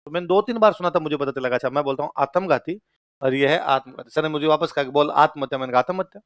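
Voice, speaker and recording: Man, Rajasthani accent, young adult, lively lecturer, asks questions, fairly high voice, smooth. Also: rapid-fire, no room sound. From Churu, Rajasthan. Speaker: teacher. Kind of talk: classroom lecture.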